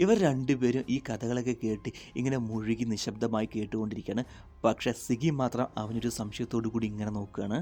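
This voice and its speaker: A man with a Malayali accent retelling the events of a TV episode in a casual spoken way, briefly slowing down to quote the characters. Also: medium pitch, a little mellow. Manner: retells events in plain spoken style, quoting characters in a slower voice. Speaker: recap narrator.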